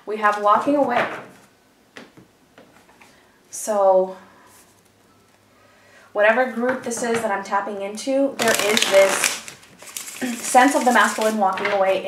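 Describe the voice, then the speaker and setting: A mid-range, steady-toned woman speaks a little slowly, with long pauses, as she gives a chatty, rambling tarot reading to camera full of ums. She has a stuffy cold and sits at a table indoors, recorded from a distance in an echoey room with background noise.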